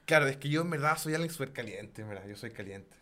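A man's voice: mid-range voice, animated, fast talker, sharp tone. A man with a Chilean accent co-hosting a casual podcast chat, teasing and joking and laughing often. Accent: Chilean Spanish. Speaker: podcast co-host. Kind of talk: casual chat about board games.

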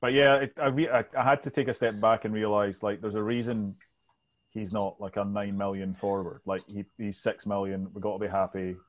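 A man's voice: lowish voice, level tone, a little fast, muffled recording. A man with a Glasgow Scottish accent chatting casually about football, informal and sweary, as a podcast host.

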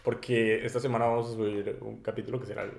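A man hosting a casual podcast chat, animated and laughing often as he tells stories. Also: lowish voice, quick pace, creaky, roomy sound. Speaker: podcast host.

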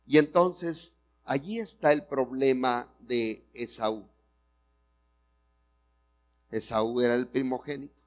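A man's voice: medium pitch, fairly even intonation, slow pace, pauses often. A male pastor preaching a sermon, telling a story and acting out the characters' lines while speaking directly to the congregation.

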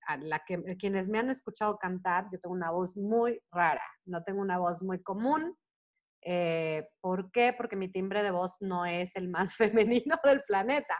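A Mexican woman in her forties, a singer and actress appearing as an interview guest, speaks casually in a medium-pitched voice. She tells stories in an animated way, often acting out quoted dialogue.

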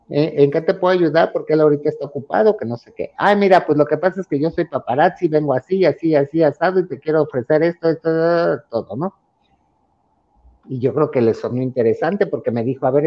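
A lively Mexican man recounts a story as a podcast guest. His middle-pitched voice jumps up whenever he acts out what others said. The audio is a little dull and lo-fi. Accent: Mexican Spanish. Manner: animated, acts out quoted dialogue in a raised voice. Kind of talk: casual anecdote telling.

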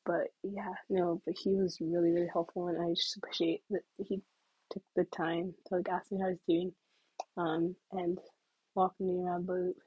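Chatty young woman, husky and low. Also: flat delivery, moderate pace, dry recording, lo-fi sound. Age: young adult. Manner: chatty, full of "like", drifts into whispers. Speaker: vlogger. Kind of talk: casual storytelling to camera.

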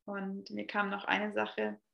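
A woman's voice: medium pitch, monotone, slow pace, creaky, echoey room, dull audio. A woman guest on a podcast, talking in an upbeat, encouraging way and mixing English phrases into her speech. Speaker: podcast guest, cycling traveler. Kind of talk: casual podcast interview.

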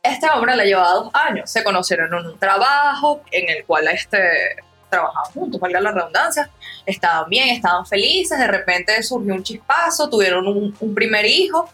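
A woman hosting a podcast in a studio, telling a story in an animated way and acting out the people in it. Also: medium pitch, moderate pace, soft background music. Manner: animated storyteller, acts out quoted voices. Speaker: podcast host.

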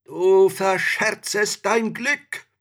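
A man voicing a huge, arrogant male spirit from a bottle in a storybook reading, with drawn-out, booming shouts. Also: steady tone, heavily acted. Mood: wheedling.

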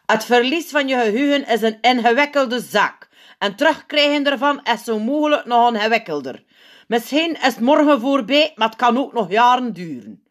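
A woman voicing a calm, serious male elf doctor in an audiobook, measured and earnest. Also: fairly high pitch, voice pushed up, lightly acted. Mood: grave.

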